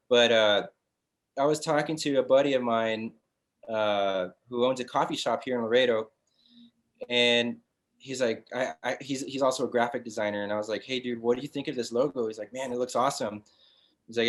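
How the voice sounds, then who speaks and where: Relaxed man rambling casually. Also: mid-range voice. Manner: relaxed, rambling with many fillers and restarts. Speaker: guest, brewery founder. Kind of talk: casual interview chat.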